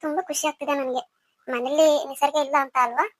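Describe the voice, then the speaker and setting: A woman's voice: high voice, steady tone, brisk, dry recording, natural voice. A woman playing a scheming young woman who talks in a sweet, coaxing way.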